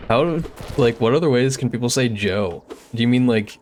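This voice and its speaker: There's slight background noise as a young man, mid-range voice and a little slow, chats with his stream audience while gaming. Relaxed and talkative, he reads chat messages and fills his commentary with "like."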